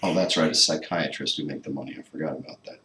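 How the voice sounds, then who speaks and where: A man's voice: very deep voice, steady tone, fast talker, sharp tone. A man hosting an interview, asking wry, teasing questions in a casual way. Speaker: interviewer host. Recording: echoey room with faint noise.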